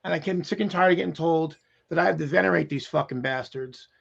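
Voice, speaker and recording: A man's voice: a little high, quick pace, vocal fry, fairly bright tone, highs cut off. A man on a podcast panel delivering an angry, profane rant with lots of repetition, in casual talk. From United States. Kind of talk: casual chat.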